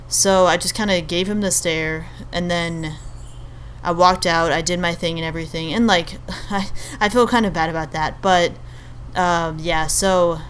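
A low, slightly bright voice carries this young Albanian podcast host's chatty, wandering monologue, which is thick with fillers, restarts and self-corrections. Slight background noise sits under her speech.

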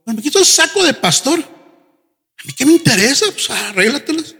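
High-pitched preaching pastor in a hall. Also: male voice. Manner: animated preaching, mimics congregants in quick asides. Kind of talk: sermon. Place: church sanctuary. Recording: church hall with long reverb.

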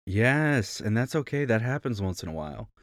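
A man co-hosting a casual beer review from Rochester, speaking in an easygoing, halting way with many fillers, his voice coming through robotic, low sample rate internet audio. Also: lively intonation, no room sound, clean studio sound. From Rochester, New York. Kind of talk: casual chat. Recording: glitchy low-quality online call audio.

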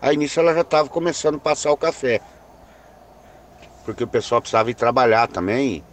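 A man telling a personal story in a hesitant way, repeating words and slowing down for suspense. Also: mid-range voice, slight background noise. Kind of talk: first-person spoken storytelling.

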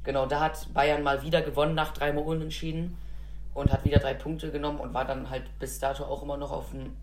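Low-voiced chatty woman, casual chat. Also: little pitch movement, quick pace, background noise. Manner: enthusiastic, chatty, many fillers. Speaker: football podcast co-host.

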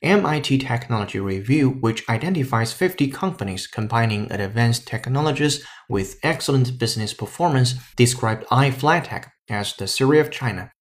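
Man, podcast English teacher, patient explaining, mid-pitched voice, filler sounds between phrases. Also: lively intonation, moderate pace, few pauses. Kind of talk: explaining English sentences in a language-learning podcast.

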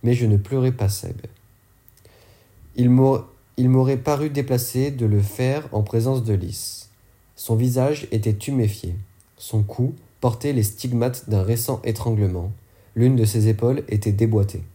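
A man's voice: mid-range voice, a little slow, warm tone. A man reading an audiobook narration steadily, now and then correcting a slip. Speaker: audiobook reader.

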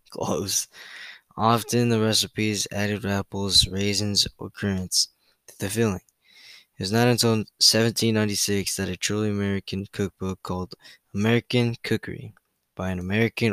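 A man's voice: fairly low pitch, steady tone, normal speed, pushed and bright, clean tone, no room sound, low-quality recording. A young man hosting a casual solo podcast, reading out facts in a loose, chatty way with fillers and self-corrections. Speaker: podcast host.

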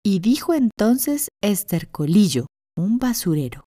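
A woman narrating a children's fairy tale in a gentle, expressive way. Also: mid-range voice, a little slow, no room sound, studio quality. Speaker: storyteller. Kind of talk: children's storytelling. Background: faint music.

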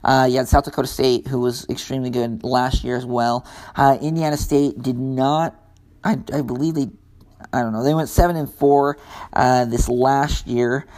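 An American man in his twenties talks through a season preview on his own. His pitch sits in a middle range, and he rambles along loosely, restarting his sentences and filling the gaps with uhs. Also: a little mellow. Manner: rambling, many fillers and restarts. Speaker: sports podcast host. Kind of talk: casual solo sports talk.

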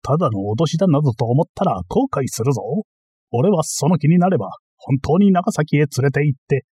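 Brief: male reader doing a blustering, clownish master thief, voice pushed higher, husky, dry close read. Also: expressive, brisk, dark tone, no room sound. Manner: boastful, ranting, easily flustered. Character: blustering bumbling self-styled master thief, man.

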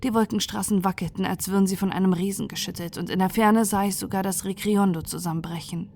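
A woman narrating a sci-fi horror audiobook in a calm, soft, measured way for falling asleep. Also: mid-range voice, a little hiss or hum.

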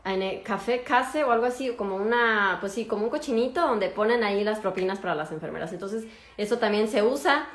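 A woman's voice: medium pitch, a little fast, reverberant. A woman with a Mexican accent, a doctor chatting casually with viewers in a livestream and acting out what patients say. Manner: chatty, animated, acts out patients' lines. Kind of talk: casual live chat with viewers.

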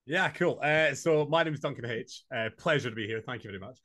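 A young adult man from Scotland with a Highland Scottish accent, chatting casually as an interview guest. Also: quick pace, pushed and bright. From Inverness, Scotland. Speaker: podcast guest, singer-songwriter.

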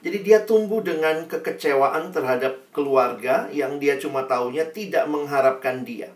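A man giving a storytelling sermon as a youth speaker, talking straight to the audience and acting out the people he quotes in a raised voice. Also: moderate pace. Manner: animated, acts out quoted people in a higher voice; addresses the audience directly as friends. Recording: echoey room, voice from a distance.

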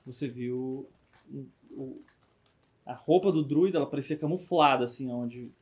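A man's voice: medium pitch, normal speed, darkish tone. Man narrating as game master. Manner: descriptive, hesitant narration with fillers.

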